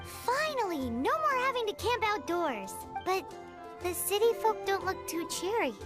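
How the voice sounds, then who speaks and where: A woman voicing a tiny, cheeky, childlike female fairy companion in a video game, squeaky and cutesy. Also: big pitch swings, measured pace, music in the background, heavily acted. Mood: chatty. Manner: squeaky, cutesy, refers to herself in third person.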